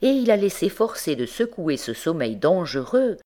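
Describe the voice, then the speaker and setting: Low-voiced woman reading a story. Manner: measured, expressive storytelling. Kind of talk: audiobook narration.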